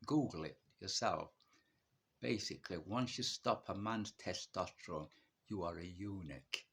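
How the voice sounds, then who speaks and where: A man in his early sixties talks about his illness directly to the camera, defiant and blunt, firing questions at himself and answering immediately. His deep voice is creaky, slightly rough and a bit bright, and he speaks a little slowly.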